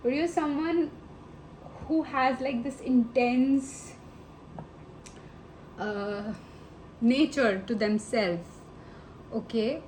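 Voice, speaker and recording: A woman's voice: sits high, drawn-out words, pauses often, darkish tone, slight background noise, low-quality recording. A woman giving a casual tarot reading to the viewer, affectionate and rambling, calling them babe and honey. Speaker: tarot reader.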